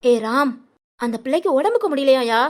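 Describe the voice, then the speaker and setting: A woman voicing a fussing grandmother who scolds and coaxes in a sing-song way, for an animated family story. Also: sits high, fairly quick. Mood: chatty. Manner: scolding, coaxing, sing-song village talk.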